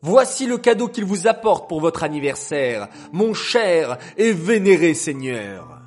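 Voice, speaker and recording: Guy doing a rude laughing servant, kinda high and loud, slow-ish. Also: big pitch swings, soft background music. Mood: mocking. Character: mocking loud male servant.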